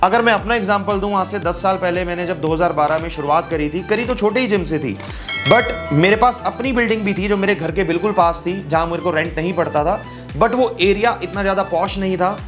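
A man's voice: sits high, brisk, over music. Gesturing man giving gym business advice. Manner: explains with constant hand gestures, mixing English into Hindi. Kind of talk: direct-to-camera advice video. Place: office with trophy shelves, indoors.

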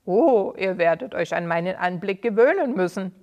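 A woman reading a children's story, voicing a spiteful, triumphant old male sorcerer who speaks loudly and gloats. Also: sits high, lively intonation, normal speed. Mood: gloating. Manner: loud and gloating.

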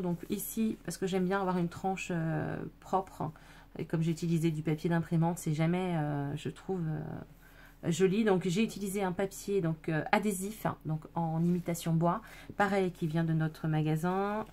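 A woman's voice: lowish voice, steady tone, moderate pace, a little mellow. Hesitant woman chatting through a craft demo. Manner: hesitant, many fillers and self-corrections; chatty, addresses viewers directly. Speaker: scrapbooking video maker. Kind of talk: casual craft show-and-tell.

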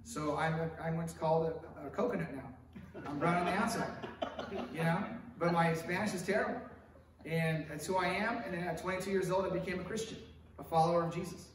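In a church sanctuary with a stone wall, a middle-aged preacher from Hollywood, California speaks conversationally from a lectern, gesturing widely, animated, and asking the congregation questions. His voice is a little high and brisk, over background noise. The recording comes from a camera far off, with a stand mic at the lectern, and the sanctuary is very echoey.

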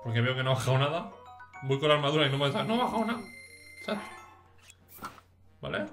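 Excitable Spanish streamer man, bright voice. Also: a little high, fast, soft background music. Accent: Spain Spanish. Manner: excitable, swears freely, talks to the chat. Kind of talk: casual gaming commentary.

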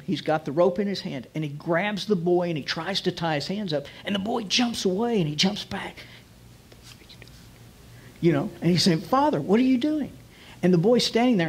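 A man preaching as a guest rabbi, retelling a scene vividly and slowing down to stress key phrases. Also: high voice, breathy edge. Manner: vivid retelling, drops to slow emphatic phrases. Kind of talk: storytelling sermon.

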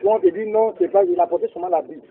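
A man's voice: high voice, very animated, rapid-fire, vocal fry. A man preaching a sermon on deliverance, emphatic and repetitive. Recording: tinny phone-like recording.

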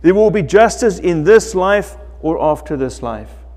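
A middle-aged man preaches at a church lectern, his voice pitched a little high and his delivery very unhurried and deliberate. He leans on emphatic phrases, swelling loud and then falling to near-quiet. The church hall carries a long reverb around him. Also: expressive. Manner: slow, emphatic preaching with wide swings in loudness. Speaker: pastor. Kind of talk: sermon.

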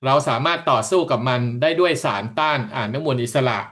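A man interpreting a talk into another language in steady, continuous stretches after each passage. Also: mid-range voice, brisk. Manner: steady, continuous rendering of the speaker's points. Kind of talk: consecutive interpreting.

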